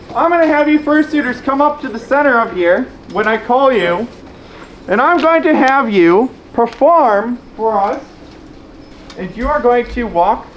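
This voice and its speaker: A convention panel host talks to a live room in a playful, teasing way, calling people up on stage. The voice sits in the middle of the pitch range. It echoes around a large room over a faint hiss.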